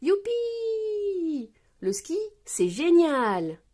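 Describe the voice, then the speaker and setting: A woman doing an excitable little piglet girl. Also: fairly high pitch, a little fast. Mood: excited. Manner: squealing and bubbly.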